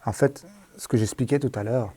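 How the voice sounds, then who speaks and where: Holding the microphone at arm's length, a vlogger who used to work in tunnels rambles through stories in a relaxed, hesitant way, with colloquial phrasing and trailing tags. He speaks briskly in a mellow, medium-pitched voice, and there's slight hiss or hum.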